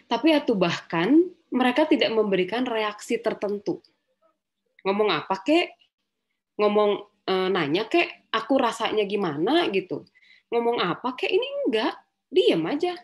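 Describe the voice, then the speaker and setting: A woman's voice: sing-song, moderate pace, long pauses. Woman doing an exasperated young teen. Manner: high, exasperated complaining. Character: frustrated young teen feeling ignored by parents.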